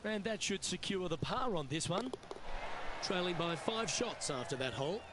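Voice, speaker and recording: A man playing a measured lead golf commentator, calling shots in a televised style for a video game. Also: high voice, animated. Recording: clear outdoor ambient noise.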